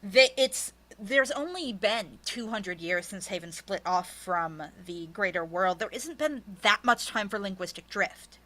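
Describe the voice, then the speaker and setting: A woman's voice: medium pitch, expressive, pushed and bright. A woman novelist in a casual conversational interview, explaining her ideas with enthusiasm and candor. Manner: enthusiastic, candid, quick explanations.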